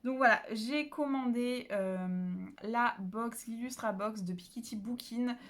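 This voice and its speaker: A woman's voice: fairly high pitch, slow pace. Woman, book vlogger, casual chat, filmed on a phone at home, rambling, lots of fillers. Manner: chatty, rambling, many fillers and self-corrections.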